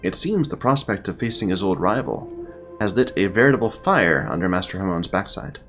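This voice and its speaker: Formal, bossy male trainer, animated delivery, soft music under, played by a man reading along. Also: low-pitched, fairly quick. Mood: earnest.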